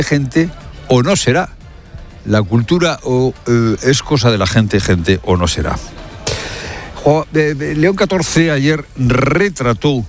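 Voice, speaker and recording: A male commentator, talking through the news live at a mid-range pitch. He leans hard on his points and keeps throwing rhetorical questions at the listener. Hesitant fillers break up his sentences now and then. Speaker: radio commentator.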